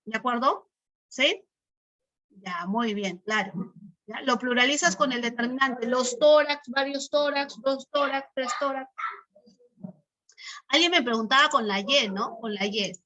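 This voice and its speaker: A woman teacher, her voice high and bright. She works through the lesson step by step and repeats the key terms. She keeps checking in with her class through short questions. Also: measured pace, long pauses, dull audio.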